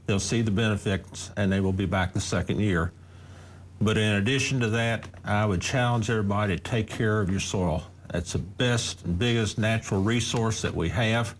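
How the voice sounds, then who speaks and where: Lower-voiced American man in his sixties. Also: a little hiss or hum. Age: 60s. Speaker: crop adviser. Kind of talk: expert panel talk. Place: TV studio panel desk.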